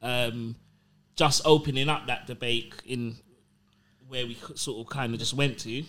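A man's voice: medium pitch, fairly even intonation, unhurried, a bit bright. A male DJ talking in casual, slangy group banter.

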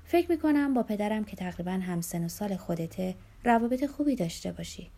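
A woman voicing a young wife who talks gently and reassuringly in a storybook reading. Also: medium pitch, expressive.

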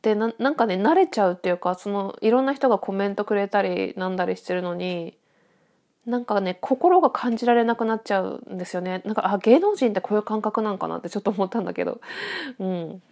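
A woman speaks at a medium pitch with a congested, nasal sound, as if her nose is blocked. She chats informally on her own like a podcast host, thinking aloud in a reflective, slightly hesitant way. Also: fast, darkish tone. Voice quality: stuffy-nosed, nasal voice. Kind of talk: casual solo chat, thinking aloud.

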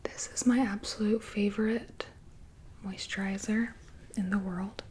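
A woman doing a whispered role-play as a gentle, soothing spa attendant, in a soft, breathy whisper. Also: medium pitch, fairly even intonation, measured pace, background noise. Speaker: ASMR host playing a spa beautician.

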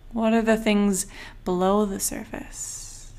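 A woman guiding a breathing meditation as a coach, soothing and unhurried, with long pauses and a breathy voice that often trails toward a whisper. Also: mid-range voice, flat delivery, a little mellow.

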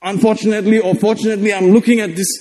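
High-pitched Malayali-accented preacher man in echoey hall. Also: level tone, racing, darkish tone. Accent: Malayali Indian English. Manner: exhorting, conversational, joking, asks for amens. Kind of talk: sermon to a congregation, exclamatory call-outs. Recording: echoey hall with long reverb.

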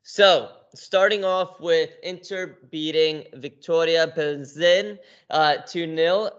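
A man co-hosting a casual football podcast, running quickly through the results with dry asides. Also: a little high, fairly bright tone. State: out of breath. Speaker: podcast co-host. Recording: dull lo-fi audio.

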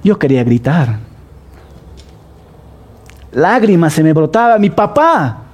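A middle-aged man with a Peruvian Spanish accent, preaching a sermon to his congregation, asking them questions and repeating key phrases slowly for emphasis. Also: on the high side, sing-song, husky. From Peru. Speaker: pastor. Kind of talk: sermon, Bible study.

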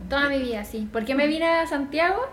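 A woman's voice: sits high, brisk, over a noisy crowd. Chatty Chilean woman, roomy sound. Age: 30s. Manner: chatty, laughing, slangy. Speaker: guest. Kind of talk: casual chat.

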